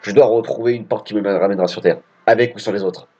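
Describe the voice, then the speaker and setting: A man's voice: steady tone, fast, mellow, husky. A man doing a brooding stranded young hero. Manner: low, muttered reading. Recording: dull lo-fi audio with game music.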